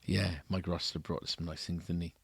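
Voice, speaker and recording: Low-voiced chatty man in a dry room. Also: flat delivery, normal speed, gravelly, slightly rough, no echo. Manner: chatty, with rising tag questions. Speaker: podcast co-host at a guitar shop. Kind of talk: casual chat. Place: shop, indoors.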